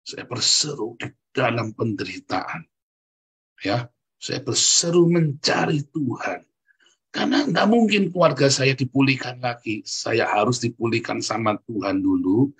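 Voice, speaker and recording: A man's voice: mid-range voice, husky. A middle-aged man preaching a sermon as a pastor, speaking emphatically and constantly addressing the congregation.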